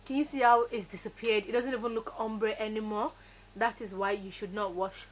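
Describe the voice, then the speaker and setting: This Yoruba-speaking makeup tutorial host talks fairly quickly in a steady, medium-pitched voice, giving emphatic step-by-step instructions and repeating important words. The recording is low quality, with a little hiss or hum.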